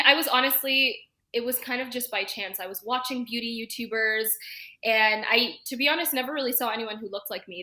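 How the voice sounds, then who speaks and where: A woman in her twenties from Toronto, a guest on a podcast, talking in an upbeat, animated way with many fillers. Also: a little high. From Toronto, Canada. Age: 20s. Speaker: guest, YouTube creator. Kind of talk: podcast interview.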